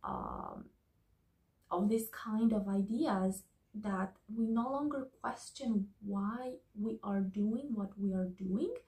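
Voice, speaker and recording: Woman doing a soft asmr book review, half whispers, real slow and close to the mic. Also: medium pitch, big pitch swings, rough recording.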